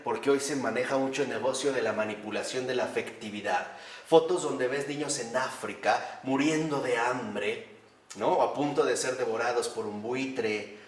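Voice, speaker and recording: Man, spiritual lecture, rhetorical questions, mid pitch, distant mic, roomy echo. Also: slight background noise. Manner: animated, asks rhetorical questions then answers them.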